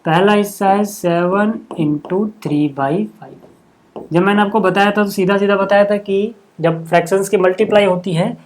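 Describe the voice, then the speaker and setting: A man teaching a maths lesson, working through sums step by step in a casual way and often checking whether it is clear. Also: high voice, fairly even intonation, a little slow. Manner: casual, mixes English number words into Hindi.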